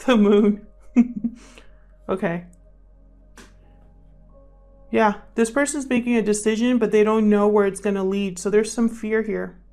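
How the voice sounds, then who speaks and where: This channel host gives an improvised tarot reading over background music, addressing the cards and viewers conversationally as she thinks aloud. Her voice is mid-pitched for a woman, steady, mellow and unhurried, with long pauses.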